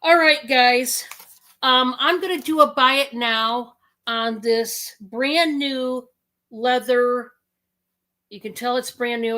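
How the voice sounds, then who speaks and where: An American woman hosting a live sales stream, chatting casually and slowly with many fillers. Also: a little high, pushed and bright.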